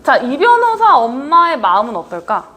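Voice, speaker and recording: A woman's voice: high voice, normal speed. A woman lecturer giving a leadership training talk, casually quizzing her audience again and again. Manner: lively, quizzes the audience often; casual, talks down-to-earth with students.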